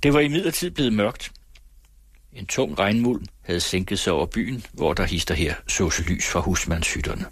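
A man reading a novel aloud in a measured storytelling manner. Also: low-pitched, expressive, slightly rough, dry recording, clean studio sound. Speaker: narrator.

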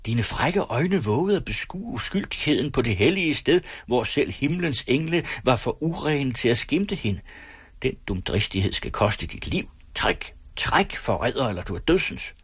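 Guy reading as a tipsy young lover, all gushing and dramatic, low husky voice, slow. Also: dry recording. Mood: jealous. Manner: rapturous, theatrical, jealous outbursts. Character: young lovestruck half-drunk male suitor.

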